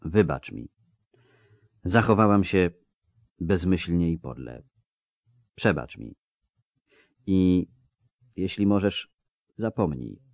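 A man voicing a proud, defiant young woman in an audiobook, heated and prone to shrill outbursts. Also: animated, slow pace, gravelly, long pauses, a little mellow, no room sound, dull audio, exaggerated voice. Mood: contrite. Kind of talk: audiobook character reading.

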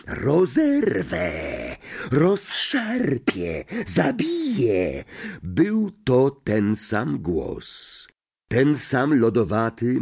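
Man, husky low voice, slow lively audiobook narration. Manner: measured, expressive storytelling. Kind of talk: audiobook reading.

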